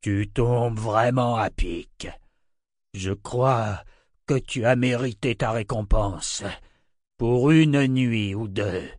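A man's voice: mid-range voice, slow, a little mellow, no echo, studio quality, lightly acted. A man voicing a wounded, menacing emperor. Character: wounded, dangerous male emperor.

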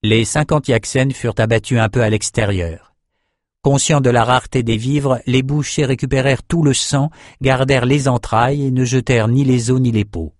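A man narrating a dark fantasy novel in a steady, even reading voice. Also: medium pitch, normal speed, no room sound, studio quality. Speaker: audiobook narrator.

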